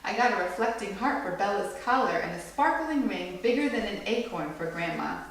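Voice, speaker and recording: Reading a children's story with expression and a bit of creak, a woman moves at a brisk pace; she needn't have a low-to-average voice. She's recorded from far across a very echoey room, with faint noise in the background.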